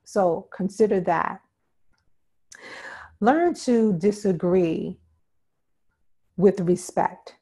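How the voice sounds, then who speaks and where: A woman's voice: mid-range voice, drawn-out words, long pauses, dark tone, husky. A woman instructor giving an interactive workshop talk, emphatic and repeating key points while often checking in with her listeners. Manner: emphatic, checks in with "okay?" and "right?".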